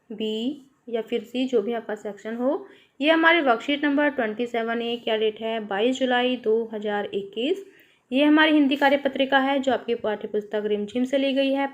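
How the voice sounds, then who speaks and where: A woman teaching a children's worksheet lesson, asking and answering her own questions and spelling out words with careful pronunciation. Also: fairly high pitch. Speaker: primary school teacher.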